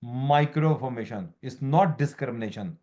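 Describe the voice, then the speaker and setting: A man's voice: medium pitch, normal speed, warm tone, lo-fi sound. A man lecturing a student as a law exam tutor, repeating key terms and quizzing her, in broken English. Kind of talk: informal lecture.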